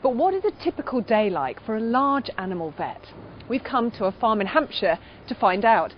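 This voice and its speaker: A woman's voice: on the high side, big pitch swings, moderate pace, highs cut off, a little hiss or hum. A woman presenting and asking interview questions on a farm.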